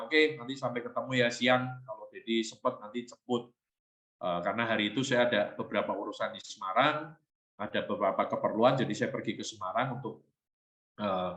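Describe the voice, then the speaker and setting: A man preaching a sermon. He tells a personal story with animated delivery and acts out the conversation with his child. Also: on the low side, a little fast. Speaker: pastor. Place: church hall. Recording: echoey church hall.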